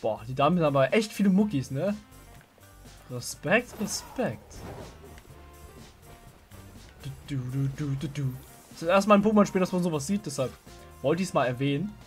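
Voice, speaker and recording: High-voiced man doing casual let's play. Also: animated, moderate pace, pauses often. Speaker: gamer commenting on his play. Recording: game music behind the voice. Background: video game music.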